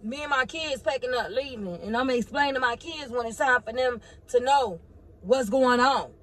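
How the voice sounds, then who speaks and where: A woman vlogger ranting to her viewers on her phone. She is animated and swings between loud outbursts and low muttering. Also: normal speed. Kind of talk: heated casual rant to camera.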